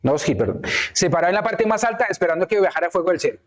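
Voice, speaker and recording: A man's voice: sits high, very animated, quick pace. Male preacher with a raised voice who works the congregation with questions and acts out scripture scenes. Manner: frequent rhetorical checks with the congregation; acts out biblical characters' words. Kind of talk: sermon. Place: church in Canada.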